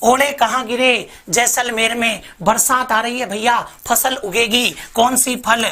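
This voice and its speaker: Brief: male tutor, bright forceful voice, rapid repetitive drilling of mnemonics to online students. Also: extremely high pitch. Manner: lively, repetitive drilling, addresses viewers as bhai sahab. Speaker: teacher. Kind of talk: online exam-prep lesson with mnemonics.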